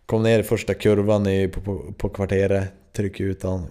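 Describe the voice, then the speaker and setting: A man's voice: deep voice, little pitch movement, warm tone. A man in his twenties from Sweden, a podcast host telling a story in a loose, rambling way, full of fillers and swearing. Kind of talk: casual storytelling.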